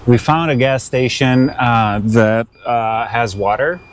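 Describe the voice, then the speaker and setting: A man casually narrating a road-trip vlog, relaxed and rambling with lots of fillers. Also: medium pitch, slow pace, a little hiss or hum. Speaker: vlogger. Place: inside an RV and outdoors on the road. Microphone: smart glasses camera.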